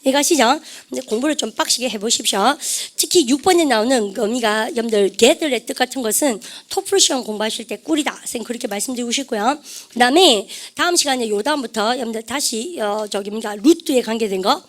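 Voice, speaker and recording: A woman teaching English vocabulary to a class, lively and chatty, often calling out to her students and drilling English words aloud. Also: on the high side, fast. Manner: lively, repeats "여러분들", asks the class questions; refers to herself as "쌤". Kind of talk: lecture to a class.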